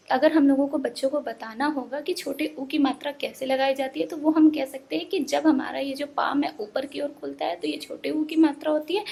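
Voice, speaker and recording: Woman teacher, high and gravelly, patient online phonics lesson, slow sounding-out. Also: darkish tone. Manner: slow drawn-out syllable sounding; explaining patiently to parents and children.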